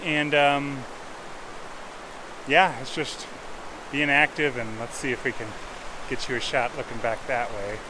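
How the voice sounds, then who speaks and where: A man talking casually and conversationally in an easygoing outdoor vlog, recorded near rushing creek water. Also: medium pitch, level tone, background noise. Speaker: vlogger. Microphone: camera on a tripod, fairly close.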